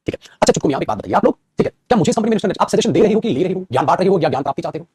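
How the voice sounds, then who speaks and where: Male grammar teacher: high, rapid-fire, husky, scolding but warm-toned address to students. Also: dry recording. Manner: animated, calls students 'beta', scolds and coaxes. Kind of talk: online class lecture.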